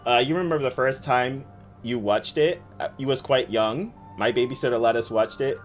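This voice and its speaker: A gaming streamer chatting casually while playing, telling stories excitedly and talking to the chat. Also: mid-range voice, normal speed, soft background music. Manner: excitable, giggly storytelling, talks to chat.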